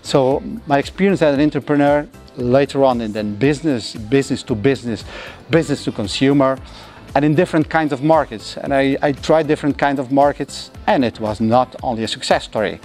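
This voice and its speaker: A middle-aged Flemish entrepreneur from Belgium gives reflective interview answers in a medium-pitched, darkish voice. He speaks slowly and haltingly, often stopping for "uh" while searching for words, and his careful phrasing sounds a little non-native. Faint music runs underneath.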